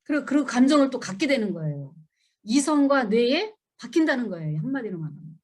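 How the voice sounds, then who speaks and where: Middle-aged woman lecturer, high voice, very animated, emphatic and questioning. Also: a little fast. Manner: lively, emphatic, asks the audience questions; acts out children and parents in high voices. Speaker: seminar lecturer. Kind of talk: church seminar lecture.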